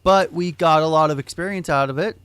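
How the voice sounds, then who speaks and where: A man's voice: a little high, brisk, a bit bright, clean tone. A man hosting a let's play, giving casual gameplay commentary with a blunt manner, swearing and exclaiming.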